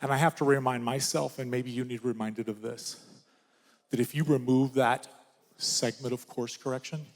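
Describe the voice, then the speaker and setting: Older preacher with a dynamic, echoing voice. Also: male voice, medium pitch. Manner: swings from loud urgent preaching to hushed near-whispers. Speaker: pastor. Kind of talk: conference sermon. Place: large hall at a conference. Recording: reverberant hall.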